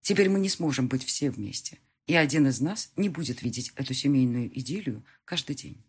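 A woman's voice: a bass voice, animated, a little fast, slightly rough. A woman reading a first-person audiobook in an emotional, intimate storytelling manner. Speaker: audiobook narrator.

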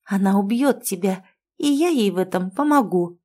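A woman's voice: mid-range voice, expressive, normal speed, warm tone, natural voice. A woman reading the part of a spiteful young woman who hisses and gloats, in a horror audiobook. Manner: hissing, gloating.

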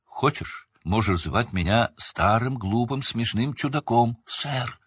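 A man voicing a timid, eager male house-elf who squeaks nervously and stammers, in a storybook reading. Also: lively intonation, slow pace, fairly bright tone, dry recording, exaggerated voice. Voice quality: high squeak, breathy. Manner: nervous, stammering, self-abasing.

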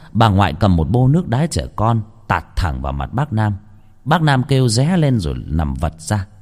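A man narrating a horror story as an expressive storyteller. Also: fairly low pitch, in a large hall.

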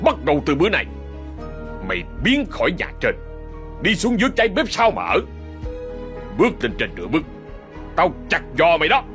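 Brutal, sick master of the house, barking threats, pitch jumping as he rages as a male narrator puts him on. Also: wildly swooping pitch, brisk, pauses often, a bit bright, soft background music. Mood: threatening. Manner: harsh, barking, scornful. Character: cruel, sick middle-aged landowner, short-tempered.

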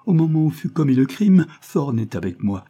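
A man's voice: fairly high pitch, very animated, normal speed, mellow, voice pushed up. A man voicing a passionate young woman in an audiobook, given to pleading, sobbing outbursts. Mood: distraught, vehement.

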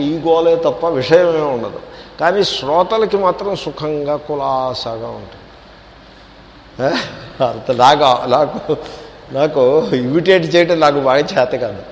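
A fairly high-pitched man gives a scripture discourse, wry and questioning toward his listeners. His voice rings out in a reverberant hall with a faint ambient hum behind it. He slips English words into his talk. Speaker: swami teaching scripture. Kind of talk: Vedanta discourse.

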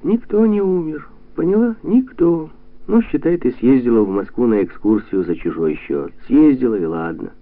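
A man's voice: animated, moderate pace, natural voice. A man doing a jovial, mocking heavyset man. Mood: bantering. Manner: bantering, preachy, jumps up in pitch. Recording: tinny lo-fi radio sound.

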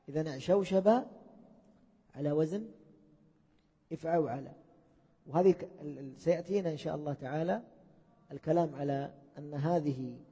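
A man teaching a classroom lesson, pitched a little high with a husky, mellow tone. He keeps asking his students questions and repeats key points. The recording is dull and lo-fi, with a long hall reverb behind him. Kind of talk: classroom lesson on Arabic morphology. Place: lecture hall.

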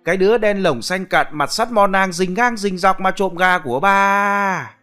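A woman's voice: mid-range voice, normal speed, fairly bright tone, voice pushed up, lightly acted. A man voicing a furious, foul-mouthed village wife who screeches curses and wails in a storybook reading. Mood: screeching abuse.

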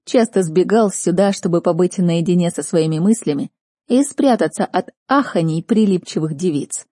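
A woman's voice: fairly low pitch, moderate pace, dark tone, no echo, studio quality. A woman reading an audiobook as narrator, scolding sharply and bluntly in the heroine's lines.

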